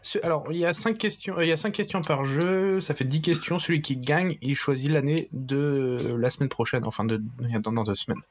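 A man's voice: fairly high pitch, brisk, hardly any pauses, a little hiss or hum. A man hosting a casual podcast quiz with friends, joking around and explaining the game rules at length. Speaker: quiz host.

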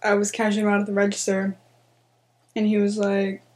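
A woman's voice: mid-range voice, monotone, fairly quick, a little mellow. A woman in her twenties, a podcast co-host, telling a work story in casual chat and laughing often. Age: 20s. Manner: giggly, laughs often while telling stories.

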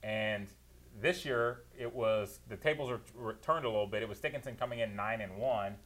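With a voice on the low side that's a bit bright, this producer and analyst speaks at a moderate pace. His football recaps on a talk show are detailed play-by-play accounts, opinionated and punctuated by easy laughs.

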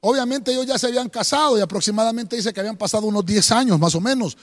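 A man's voice: sits high, rapid-fire, fairly bright tone. A man preaching a sermon as pastor, speaking directly to the listener and often adding "hermano". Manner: preaching with rising emphasis, repeated "hermano".

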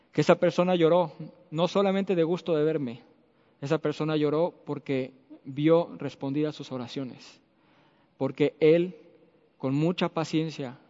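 A man with a Mexican accent giving an earnest sermon with personal testimony, going from loud to soft. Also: on the high side, in a large hall, highs cut off. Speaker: preacher.

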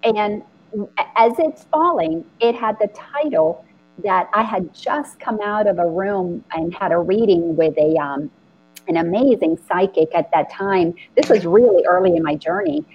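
A middle-aged woman from the Dominican Republic, hosting a spiritual conversation and telling her story with earnest, animated feeling. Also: mid-range voice, a little slow, husky, muffled recording.

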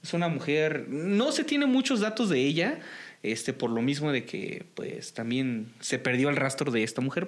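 A man with a Mexican Spanish accent hosting a casual podcast chat, talking with frequent fillers and restarts. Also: mid-range voice. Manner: hesitant, many fillers and restarts. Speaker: podcast host.

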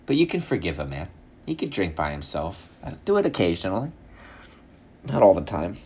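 A man's voice: low-pitched, big pitch swings, normal speed, a little mellow, breathy edge. A young man talking casually to his viewers in a loose, rambling monologue, swearing freely and slipping into silly put-on voices. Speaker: vlogger.

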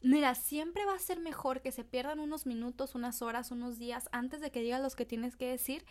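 Woman doing a faith podcast, kinda high voice, earnest and encouraging. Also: fairly even intonation, fairly quick, darkish tone. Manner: earnest and encouraging, addressing listeners directly. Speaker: podcast host. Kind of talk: devotional podcast talk.

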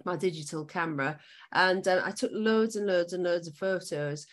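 A woman's voice: lowish voice, normal speed. A woman in a casual chat, telling a story in a rambling way with lots of ums.

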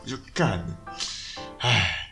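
A man's voice: fairly low pitch, expressive, takes it slowly, gravelly, sharp tone, soft background music. A man, hosting a casual podcast chat, often restarting his sentences and slipping into English phrases. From Taiwan. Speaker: podcast host.

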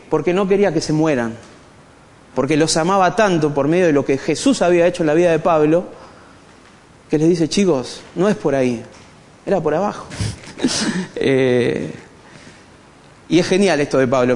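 Rioplatense man teaching in a reverberant hall. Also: fairly high pitch. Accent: Rioplatense Spanish. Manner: animated, joking, addresses the audience directly. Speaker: Bible study teacher. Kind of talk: conversational church teaching.

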